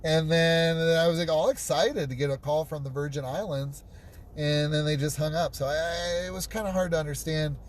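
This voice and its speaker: A man talking casually from inside a moving car as he hosts a live call-in show. His voice sits a little high for a man, and he trips over his words and repeats them while reading viewer comments. A faint hiss runs under the recording. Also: steady tone, normal speed. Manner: repeats words and restarts often.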